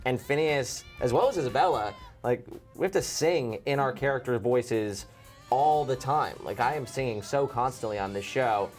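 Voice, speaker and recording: A man's voice: mid-range voice, normal speed, faint music behind. A man, a cartoon voice actor, chatting enthusiastically in a casual interview, often restarting his sentences.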